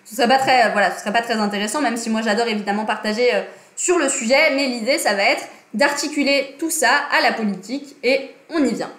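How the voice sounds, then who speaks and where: The host's voice sits on the high side and sounds a bit bright as she talks fast in a reverberant small room. Seated at her desk, this young woman runs a casual livestream lesson on design and politics, full of fillers and self-corrections.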